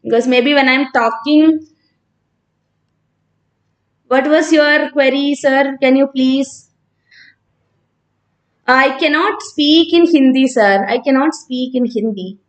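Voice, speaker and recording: A woman's voice: high-pitched, slow pace, long pauses. A woman from Kerala with a South Indian accent, teaching informally on a live stream and talking conversationally as she answers students. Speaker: online physics teacher.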